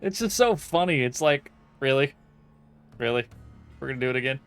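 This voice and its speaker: A streamer casually commenting on a game, playful and quick to joke and laugh. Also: mid-range voice, lively intonation. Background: game music.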